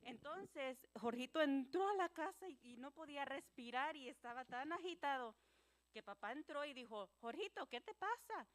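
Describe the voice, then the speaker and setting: A woman telling a children's story in church, animated and gentle, acting out the voices with simple words for kids. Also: high-pitched, moderate pace.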